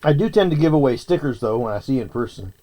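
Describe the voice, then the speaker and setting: A man's voice: medium pitch, expressive, quick pace, warm tone. A man chatting casually on a livestream while he eats, sometimes talking with his mouth full. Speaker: streamer.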